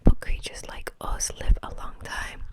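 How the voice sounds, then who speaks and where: A woman hosting an ASMR channel, softly whispering as she chats and reads aloud from a book. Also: unhurried. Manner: soft unvoiced whispering throughout.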